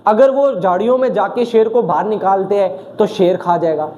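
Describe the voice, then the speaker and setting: A man's voice: high-pitched, normal speed, dark tone, dull audio. A man teaching exam vocabulary, asking questions and answering them himself, with a slightly sore throat. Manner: asks questions and answers them himself, repeating key words.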